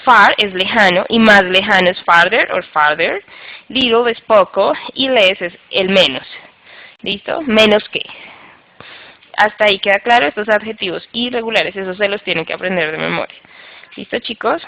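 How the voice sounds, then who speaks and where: A woman's voice: mid-range voice, normal speed, bright, forceful tone, no echo, low-quality recording. Woman teaching grammar in an online class. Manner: patient, repeats rules and checks with "listo?". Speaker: English teacher. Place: online class by video call.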